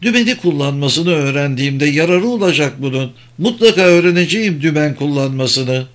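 A man's voice: on the high side, expressive, brisk, voice pushed up, natural voice. A man voicing a cheerful young woman. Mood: playful. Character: young woman, cheerful and caring, lost at sea. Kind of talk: audiobook reading.

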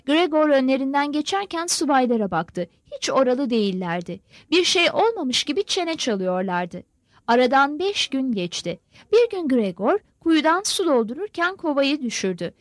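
Expressive woman reading a novel. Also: high-pitched, normal speed, no room sound. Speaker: audiobook reader. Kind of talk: scripted novel narration.

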